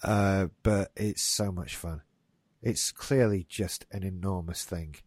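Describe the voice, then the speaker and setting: A man with a low, darkish voice hosts a casual gaming news podcast, speaking slowly with fairly even intonation in a dry recording. He rambles and swears lightly, sounding a bit stuffed up as a stuffy nose sets in.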